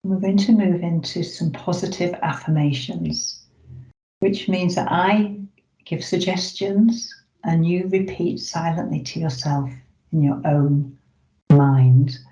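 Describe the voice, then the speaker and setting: A meditation guide leading a breathing exercise in a soft, slow, soothing voice, with long pauses and moments that sink toward a whisper. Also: medium pitch. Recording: roomy, slightly dull recording.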